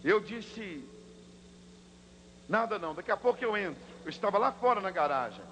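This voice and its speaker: A Brazilian pastor with a high voice preaches to his congregation. He tells his story with drama and acts out each person's lines himself. His voice rings with the long reverb of a large church hall, with a faint hum underneath. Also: animated, normal speed, a bit bright. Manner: dramatic storyteller acting out dialogue. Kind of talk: sermon.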